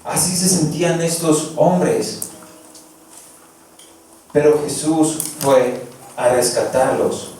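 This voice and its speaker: Pastor guy preaching, high voice, slow and emphatic, really roomy echo, bit of noise. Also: expressive, mellow, distant mic. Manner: emphatic preaching with questions to the congregation. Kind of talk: verse-by-verse sermon.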